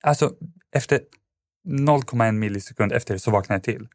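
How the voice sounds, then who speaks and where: A man's voice: medium pitch, dry recording, studio quality. A man, a podcast guest, telling a personal story in a casual, rambling way with lots of fillers and restarts.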